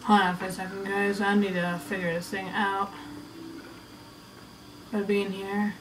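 A woman's voice: medium pitch, little pitch movement, normal speed, far from the mic, slight background noise, rough recording. A woman giving casual, teasing commentary while playing a video game. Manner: chatty, teasing, talking to viewers. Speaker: game player.

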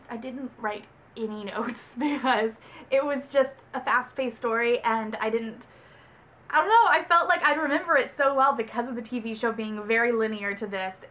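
A woman's voice: fairly high pitch, fairly bright tone. A young woman from Texas chatting casually about a book she read, rambling and correcting herself as she goes. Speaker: book reviewer. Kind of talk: casual book review vlog.

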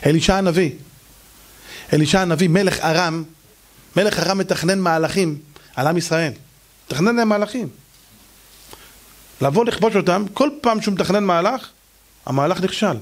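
Male rabbi, sermon, high-pitched, animated rhetorical storytelling. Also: long pauses.

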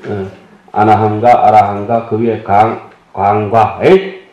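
A man's voice: lowish voice, flat delivery, measured pace. A man giving a Buddhist dharma lecture, explaining terms and asking his listeners questions with folksy humor. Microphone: table microphone. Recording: dull echoey hall audio.

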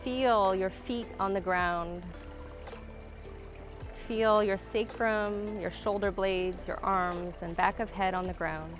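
A woman yoga instructor calmly leading a slow, grounding breath and body awareness exercise in a guided class. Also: medium pitch, soft background music. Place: outdoor waterside wooden deck.

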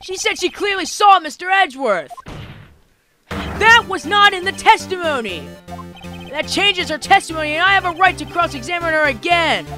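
A determined young defense attorney , acted by a woman, pressing hard with forceful objections. The voice is fairly high, with game music running underneath. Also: lively intonation, slow. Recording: game music playing behind.

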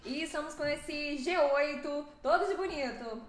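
Young Brazilian woman, very high voice, rapid chatty game streaming, laughing often, roomy echo. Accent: Brazilian Portuguese. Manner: lively, fast-talking, laughs often. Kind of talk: live stream chat with viewers.

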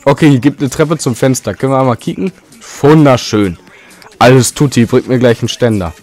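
A man's voice: mid-range voice, fairly quick, a little mellow. A young man giving casual, rambling commentary over his own gameplay, with sudden jumpy outbursts. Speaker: let's play commentator.

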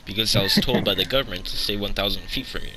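A man's voice: on the low side, fast. A man bantering with friends while playing a game in casual voice chat. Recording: noisy online voice chat.

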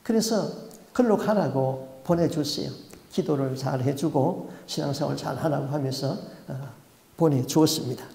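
A man's voice: on the high side, normal speed, vocal fry, mellow. A male pastor preaching a sermon, telling a story vividly and acting out the people in it. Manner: vivid storytelling, acts out voices. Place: church sanctuary. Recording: echoey church hall.

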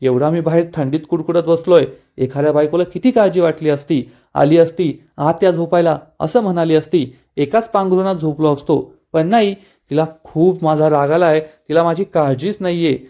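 A man's voice: a little high, normal speed, mellow, close to an everyday voice. Man reading a stubborn teasing young husband. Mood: sulking.

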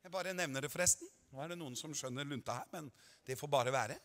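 A man preaching a revival sermon at a convention, moving between quiet asides and shouted appeals and voicing imagined objectors. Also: on the high side. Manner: voices imagined objectors in quotes. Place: large meeting hall at a summer convention. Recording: live sermon recording with long hall reverb.

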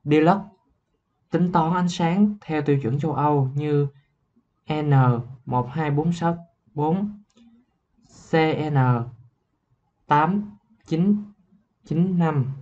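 Young man giving a halting student report. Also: fairly high pitch, darkish tone, muffled recording. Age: young adult. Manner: halting, clears throat, some fillers. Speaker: student presenter. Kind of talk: explaining software in a class report.

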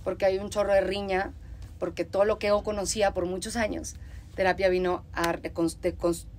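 A woman's voice: medium pitch, little pitch movement, a little fast, darkish tone, a little hiss or hum. Young Mexican woman hosting a casual chat. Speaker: host.

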